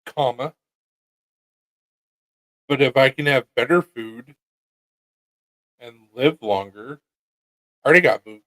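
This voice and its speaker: American male host, casual crude banter, mid-range pitch. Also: slow pace, pauses often, bright, forceful tone, no room sound, low-quality recording. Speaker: podcast host. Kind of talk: casual chat.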